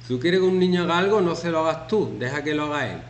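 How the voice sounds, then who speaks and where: Fast and fairly high-pitched, a fifty-something teacher jokes casually with his class during an activity. He keeps things lively, even acting out shouting examples, while faint noise hangs in the echoey classroom.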